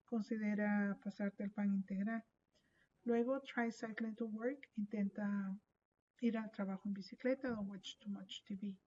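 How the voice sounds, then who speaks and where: Woman, teacher, methodical step-by-step explaining, mellow voice, dull lo-fi recording. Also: medium pitch, steady tone. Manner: slow, methodical explaining, reading examples aloud. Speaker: English teacher. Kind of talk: recorded lesson walkthrough.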